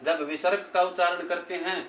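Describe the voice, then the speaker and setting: A man teaching a grammar lesson who repeats each point and slows down to spell out word parts. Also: sits high, steady tone, fairly bright tone. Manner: repeats points, often says "theek hai" and "doston". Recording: echoey room with faint background noise.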